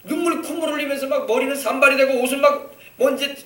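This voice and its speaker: A man pastor giving an animated children's sermon, coaxing the kids with questions. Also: very high-pitched, quick pace. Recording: echoey church from far off.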